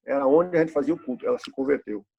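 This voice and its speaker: A man's voice: mid-range voice, fast, vocal fry, mellow, husky, highs cut off. A pastor in his fifties preaching a sermon in a church, asking the congregation rhetorical questions and repeating key phrases. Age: 50s.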